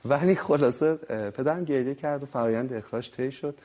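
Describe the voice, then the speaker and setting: Man in his thirties telling stories. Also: mid-range voice. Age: 30s. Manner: lively, self-mocking, laughs often. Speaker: guest. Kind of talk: casual storytelling.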